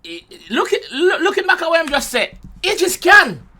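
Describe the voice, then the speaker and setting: A young man with a Jamaican accent gives an excitable reaction commentary, full of loud exclamations and swearing. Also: very high voice, normal speed, loud music behind the voice. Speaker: music reaction host.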